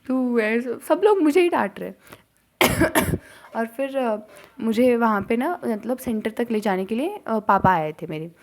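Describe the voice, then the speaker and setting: A young woman from India, a student vlogger chatting casually to camera and telling a story with animated rushes and soft near-whispered asides. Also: mid-range voice. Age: young adult. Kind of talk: casual chat.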